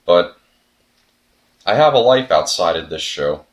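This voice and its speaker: A young man with a lowish voice delivers a scripted video essay. He sounds earnest and reflective, and now and then he breaks into a sudden comic outburst. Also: animated, measured pace. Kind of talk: scripted commentary narration.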